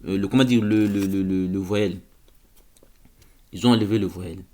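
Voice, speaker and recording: A man's voice: sits low, fairly even intonation, normal speed, mellow. A man giving an informal spoken lecture, hesitant, often repeating words and checking that listeners follow. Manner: insistent, stresses key words. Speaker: religious lecturer.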